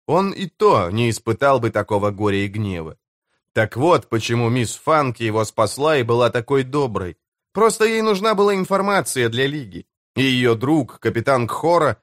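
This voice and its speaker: Мужчина-чтец ровно и размеренно читает приключенческую аудиокнигу. Голос средней высоты, запись сухая, без эха комнаты. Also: male voice, mid-range voice, no echo, studio quality. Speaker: audiobook narrator. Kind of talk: scripted narration.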